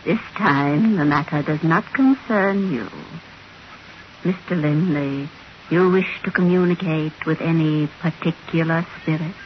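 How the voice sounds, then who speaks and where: An actress playing a mysterious female spirit medium in a 1940s radio drama, speaking in a hushed, commanding way. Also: low-pitched, a little slow. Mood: solemn. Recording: roomy, dull old radio with hiss.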